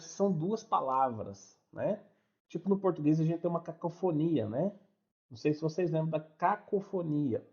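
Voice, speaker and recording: A man's voice: fairly high pitch, lo-fi sound. A man teaching an online English class, explaining step by step in a chatty way and checking in with his students.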